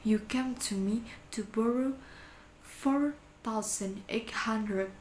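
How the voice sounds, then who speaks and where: A woman playing a cold, insistent male bank clerk and blackmailing moneylender in a deliberate, stagey dramatic reading. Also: a little high, darkish tone. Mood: coldly probing. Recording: echoey room with faint background noise.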